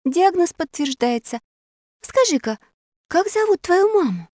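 A clever young girl from a storybook questions people sharply and insistently, as a woman reader puts her on. Her voice sits high and bounces all over the place. The recording is dry and close. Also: big pitch swings, unhurried, a little mellow, dry recording, full character voice. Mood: probing. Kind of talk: audiobook character voice.

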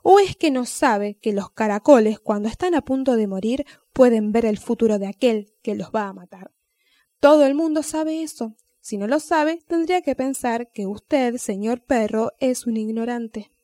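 A crafty, patient old male snail, as a woman puts him on in a storybook reading. He coaxes and lectures in a raised, fairly high voice. The sound is dry and close. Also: lively intonation, normal speed, warm tone, no echo, natural voice. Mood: coaxing.

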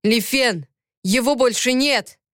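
Woman reading a blunt, stubborn village man; crisp and dry. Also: fairly high pitch, slow, dry recording, pitched above the performer's own voice. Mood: insistent shouting. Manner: shouting, insistent.

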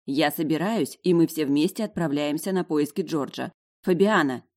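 Low-voiced woman as a firm young heroine, determined, direct, audiobook role. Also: normal speed, a little mellow, close to an everyday voice. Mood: commanding. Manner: firm, pleading at times. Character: determined young heroine, first-person narrator. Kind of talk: audiobook character voice.

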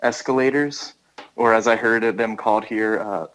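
A man's voice: lowish voice, moderate pace, clear, resonant tone, low-quality recording. An American man, a touring musician, talking casually and thinking aloud during a phone interview. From United States. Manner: rambling, relaxed, thinking aloud.

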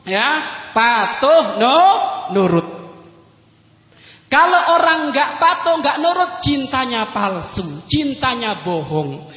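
A male Islamic preacher giving a humorous sermon, joking with his congregation and firing quick questions at them, swinging from loud bursts to low asides. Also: big pitch swings. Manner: jokey, addresses listeners directly with quick questions. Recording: echoey hall, dull lo-fi sound.

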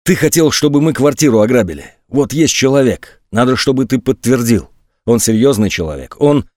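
A man's voice: medium pitch, lively intonation, fairly quick, a little mellow, dry recording, studio quality, lightly acted. A man voicing a frightened young teenage boy who pleads desperately. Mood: frantic. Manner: pleading, breathless with fear.

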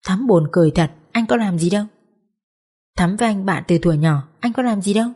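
Woman doing troubled veteran man, plaintive, mellow voice. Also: mid-range voice, a little fast, husky, lightly acted. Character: troubled male war veteran, gentle and bewildered.

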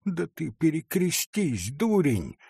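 Male reader puts on a cool-headed, sharp-tongued wife, soft and higher, with a gravelly edge. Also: very animated, takes it slowly, no room sound, studio quality, full character voice. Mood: scolding. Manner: quiet and cool, scolding.

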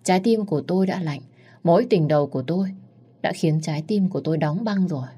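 A woman's voice: fairly low pitch, fast, dark tone, slightly rough. A woman narrating a dramatic family story in the first person.

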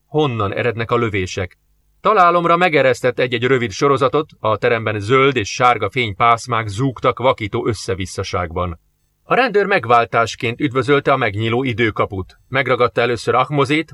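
A man narrating an audiobook in a steady, expressive reading style, close to the mic. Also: medium pitch.

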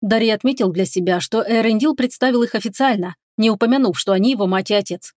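A woman reading a fantasy novel aloud as audiobook narrator, in a measured, expressive manner. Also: medium pitch, no echo, studio quality.

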